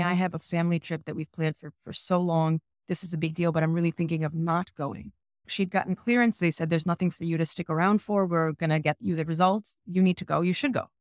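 A woman's voice: sits low, a little mellow, no room sound, clean studio sound. Earnest woman telling patient stories. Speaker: psychologist guest. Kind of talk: conversational podcast interview.

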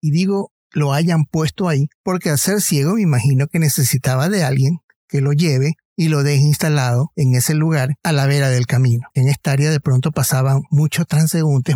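A man's voice: a little high, warm tone, no echo, studio quality. A man giving a Bible reflection, explaining the passage and retelling the story vividly. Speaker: preacher.

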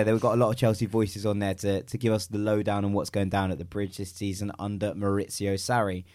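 A man's voice: on the low side, darkish tone. A man hosting a football fan podcast, chatty and jokey as he reads plugs and gives opinions. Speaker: podcast host. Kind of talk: casual fan podcast chat.

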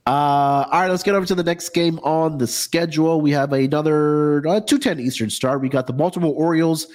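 A man's voice: on the high side, brisk, darkish tone. A man hosting a casual sports betting talk, sounding under the weather with a froggy, congested voice. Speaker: sports betting show host.

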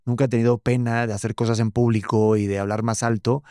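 A man's voice: medium pitch, flat delivery, fast, warm tone, dry recording, studio quality. A man, hosting a casual interview, chatty and jokey with many "digo" fillers. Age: 30s. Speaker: podcast host.

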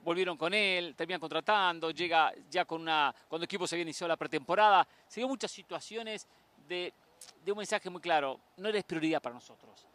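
Man, football panelist, rapid talker, slightly high voice, chatty analysis. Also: pushed and bright. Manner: quick, talkative analysis. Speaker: sports commentator panelist. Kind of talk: sports talk show discussion.

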